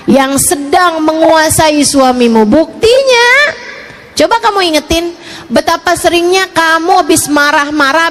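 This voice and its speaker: A woman preacher giving a lively sermon to women, swinging between soft low asides and bright raised questions, and playing out quick imagined exchanges with her listeners. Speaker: female preacher.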